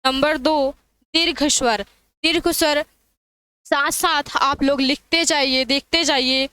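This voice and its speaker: A woman teacher giving a classroom lecture, repeating phrases slowly so students can copy, asking questions and answering them herself. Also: sits high, steady tone, sharp tone, no room sound, rough recording.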